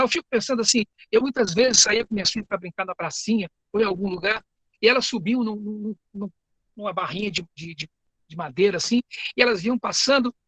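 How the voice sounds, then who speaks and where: Um homem com sotaque brasileiro que prega um sermão sincero, conta histórias e repete palavras e frases. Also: male voice, sits high, fairly bright tone, no room sound, poor audio. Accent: Brazilian Portuguese. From Brazil. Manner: earnest, storytelling, repeats words and phrases. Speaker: preacher and teacher. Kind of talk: sermon.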